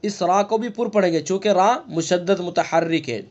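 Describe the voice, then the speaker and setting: A man teaching Quran recitation rules in an online class, slowly modeling words and checking that students follow. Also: sits high, a little mellow, highs cut off. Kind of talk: tajweed lesson with recited examples. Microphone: online class recording.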